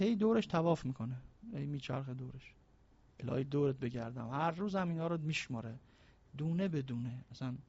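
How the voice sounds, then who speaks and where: A man giving an informal lecture on Persian poetry, mixing anecdotes with slowly recited verses. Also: sits high, no echo, highs cut off. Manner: animated storyteller, slows down to recite verses.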